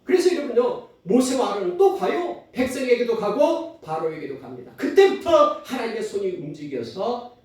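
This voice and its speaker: A man's voice: very high-pitched, sing-song, moderate pace, a little mellow. A male pastor preaching a sermon, telling the story with animation and acting out the quotes. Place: church sanctuary. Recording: echoey church hall, distant mic.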